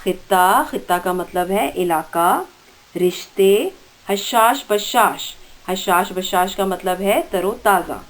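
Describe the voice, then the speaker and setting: Woman teacher dictating vocabulary. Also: lowish voice. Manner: reads vocabulary words then gives meanings; slow deliberate dictation pace. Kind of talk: online school lesson.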